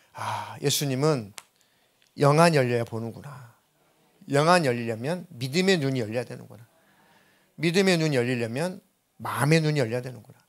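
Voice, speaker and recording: A middle-aged man, a senior pastor, preaching an earnest sermon and acting out the voices of the people and spirits he quotes. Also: mid-range voice.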